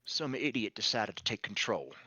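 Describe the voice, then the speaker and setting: A man's voice: lowish voice, sing-song, normal speed, pushed and bright, breathy edge, no echo, highs cut off, voice pushed down, full character voice. A man voicing a foul-mouthed, sardonic guide in a tabletop game, blunt, knowing and taunting.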